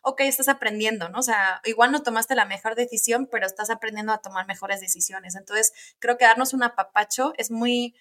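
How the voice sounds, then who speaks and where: A woman's voice: fairly high pitch, a little fast, few pauses. A woman, a guest on an interview podcast, talking energetically and conversationally. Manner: energetic, chatty, peppers speech with "ok" and "¿no?". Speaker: podcast guest, neuropsychologist and coach.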